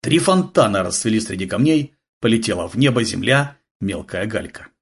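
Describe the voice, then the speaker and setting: Male audiobook narrator, husky tone, very animated delivery for action scenes. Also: lowish voice, normal speed. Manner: vivid, dramatic storytelling.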